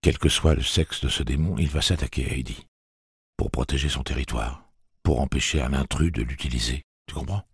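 A man voicing a stern, terse gunslinger who gives calm commands in an audiobook. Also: very deep voice, brisk, creaky, husky, no room sound, clean studio sound, full character voice.

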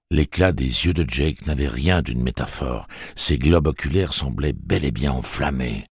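A man narrating a novel aloud in a measured, dramatic storytelling manner. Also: extremely low pitch, breathy edge, no room sound, clean studio sound. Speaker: audiobook narrator.

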